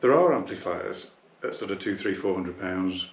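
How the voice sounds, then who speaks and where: A man's voice: low voice, expressive, normal speed, echoey room. A man who runs a hi-fi shop, chatting casually while he unboxes gear, thinking aloud, sometimes drifting off the mic. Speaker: hi-fi dealer. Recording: noisy room tone with clicks.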